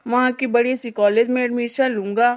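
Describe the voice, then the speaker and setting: A woman voicing the favored grandson in an animated cartoon, a young man speaking eagerly and boastfully. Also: a little high, normal speed, natural voice.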